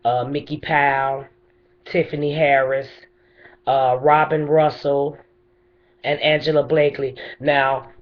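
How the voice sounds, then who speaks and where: A woman's voice: very deep voice, flat delivery, slow, highs cut off. A middle-aged woman making an unscripted spoken appeal in a plain, insistent, emphatic way. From Chicago, USA. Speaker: bereaved mother addressing the mayor.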